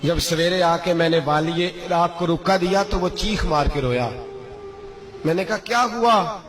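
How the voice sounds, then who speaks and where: A man's voice: on the high side, over music. A male preacher telling a moral story in a sermon, with dramatic, emotional delivery.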